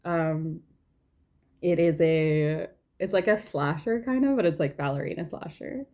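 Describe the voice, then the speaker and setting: Chatty woman with a low, mellow voice. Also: unhurried. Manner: chatty, rambling, filler-heavy. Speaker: knitting vlogger. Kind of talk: casual chat. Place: home.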